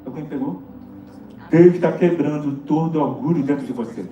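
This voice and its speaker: A Brazilian pastor preaches a testimony sermon with a raised yet dark, mellow voice, pressing his congregation with direct questions. He is picked up from a distance in a roomy church hall, through a dull mic with faint music behind him. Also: fairly high pitch, normal speed, a little hiss or hum. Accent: Brazilian Portuguese. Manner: emphatic, prompts the congregation with questions.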